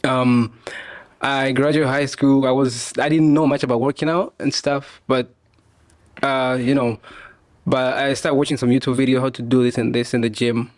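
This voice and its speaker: A man's voice: medium pitch, moderate pace, no room sound. A young man from Tanzania, a podcast guest, chatting casually with lots of "you know" and easy laughs. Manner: relaxed, laughs often, many fillers like "you know". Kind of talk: casual interview chat.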